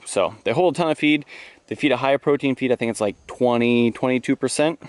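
Talking a little fast at a medium pitch, a man in his thirties vlogs an informal, loosely explained walking tour through outdoor farm pens. The sound, with no echo, comes from a handheld action camera at arm's length and includes noise and clicks.

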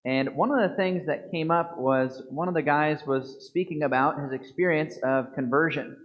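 Priest in his thirties, measured homily at the lectern mic, slightly raised pitch, muffled church-stream sound. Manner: earnest, measured preaching with slow emphatic stresses. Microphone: fixed lectern microphone. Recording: dull lo-fi church video stream.

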